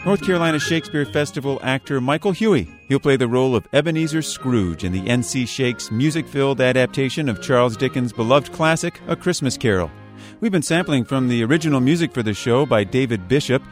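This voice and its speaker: A man's voice: mid-range voice, animated, fairly quick. Man, 40s, radio host, mid-range voice, friendly, scripted outro, music playing underneath. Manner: friendly, playful, then scripted announcing. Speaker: radio arts show host. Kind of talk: radio interview and show outro.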